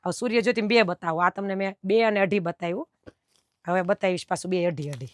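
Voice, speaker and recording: A woman's voice: lowish voice, fast talker, a little hiss or hum. A middle-aged woman who runs a dress fabric shop, chatting at length to camera about fabric cuts and quoting her customers. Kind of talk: casual talk to camera explaining fabric cuts.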